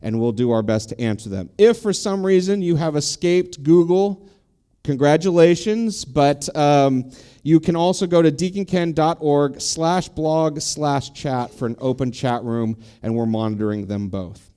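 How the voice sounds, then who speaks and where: A man's voice: on the high side, unhurried, dark tone, clean tone. A middle-aged man, a deacon, casually hosting a live-streamed panel discussion, talking conversationally with frequent ums and restarts.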